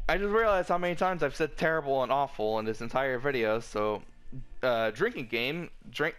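Faint music plays behind a man ranting about a video game, angry and swearing, his voice cracking as he stumbles and starts over again and again. His voice is mid-range, smooth, and slightly bright.

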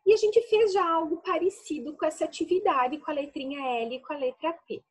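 A woman teacher with a Brazilian Portuguese accent, giving an early-literacy lesson to young children in slow, affectionate teacher talk, sounding out words syllable by syllable. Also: high-pitched, expressive, a little mellow.

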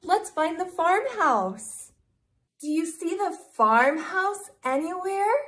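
Female kids' host, thirties. Very high, lively pitch, simple sing-song teaching, as if reading to a toddler. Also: takes it slowly. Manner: sing-song, exaggerated, repeating simple phrases. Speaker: children's educational video host. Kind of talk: toddler lesson, talking slowly and simply to a small child.

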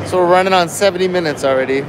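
Excitable man touring a noisy expo. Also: high-pitched, rapid-fire. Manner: excitable, chatty, lots of "so" and "cool". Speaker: vlog host. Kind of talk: live walkthrough commentary. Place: large busy expo floor. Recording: background noise from a busy expo floor.

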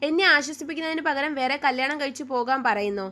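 A woman voicing a bitter, jealous young woman who flares into sharp, resentful outbursts in a read-aloud story. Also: high voice, fast. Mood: resentful, shouting.

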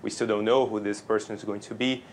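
A man speaks English with a Brazilian accent in a slightly low voice. He explains things in a measured way, like an analyst on live television news. There is clear ambient noise behind him. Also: level tone. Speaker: political analyst, interview guest.

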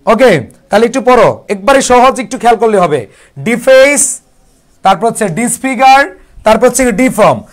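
A Bangladeshi man with a Bangladeshi Bengali accent teaches English vocabulary in a live online class, coaxing his students as brothers and drilling words repeatedly. His voice is extremely high-pitched and moves at a normal speed.

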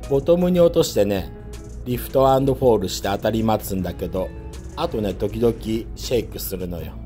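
A man talking casually while fishing outdoors from a lakeside pier, speaking in a soft, feminine manner, picked up by a worn action camera. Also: on the low side, brisk, faint music behind. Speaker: fishing vlogger.

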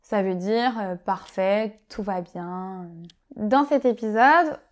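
A woman teaching French vocabulary in a clear, patient way, often pausing on "euh" and acting out example phrases with a lively tone. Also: mid-range voice. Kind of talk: vocabulary lesson explaining phrases.

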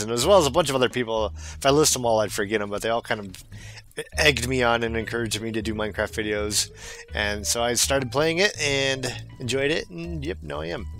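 A man's voice: mid-range voice, a bit bright. A young man hosting a casual group chat, reading viewer mail aloud in a playful way and laughing often.

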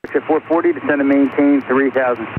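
A man working as an air traffic controller, giving brisk clipped clearances over a crackly two-way radio. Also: mid-range voice, fairly even intonation. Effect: heard over a crackly two-way aviation radio. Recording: tinny radio channel with loud static.

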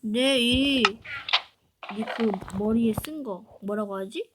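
A young woman with a high voice chats her way through a game, playful and quick to burst into loud squeals. There is a steady hiss of noise under her voice. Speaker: game player. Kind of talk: Minecraft-style role-play commentary.

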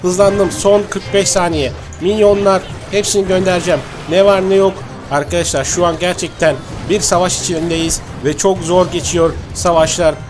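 Excitable high-voiced man over game music. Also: moderate pace, few pauses. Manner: excitable, cheers his units on and gets frustrated. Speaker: gameplay commentator. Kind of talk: excited gameplay commentary.

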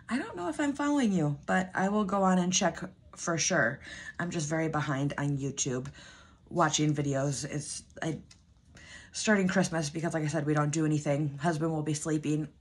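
A woman in her thirties with a lowish voice chats casually to camera at home for her budgeting vlog, with slight background noise. She's losing her voice and rambles, stumbling through ums and restarts.

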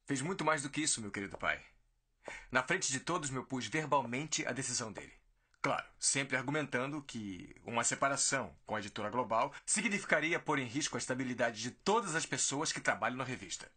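A man's voice: medium pitch, animated, fairly quick, pushed and bright, husky. An actor playing an earnest adult son and executive in a dubbed telenovela, explaining matters to his father.

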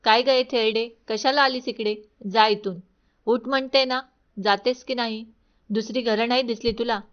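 A woman's voice: a little high, steady tone, moderate pace, natural voice. A woman voicing a proud, rich queen who talks harshly and with contempt. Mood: contemptuous. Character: haughty rich queen shouting at a beggar. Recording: dull lo-fi recording.

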